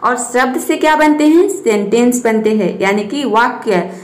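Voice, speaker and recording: A woman teaching a spoken English lesson. She asks her students questions and answers them herself, and she slows down to spell out each example word. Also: fairly high pitch.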